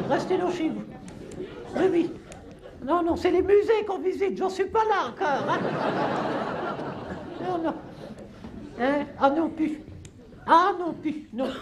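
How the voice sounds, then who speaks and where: A man's voice: measured pace, long pauses, over a noisy crowd. An actor playing a cantankerous, chatty old countrywoman, rambling and scolding in a live comedy sketch. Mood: grumbling. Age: over 70. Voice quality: shrill, quavering, cackling. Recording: live stage with audience laughter and noise.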